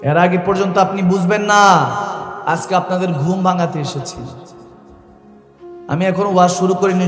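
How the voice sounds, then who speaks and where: A man preaching a rousing sermon to a large gathering, often shouting to the crowd over a PA system. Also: high voice. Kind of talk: Islamic sermon at a religious gathering. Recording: echoey hall-like reverb over a PA, faint music.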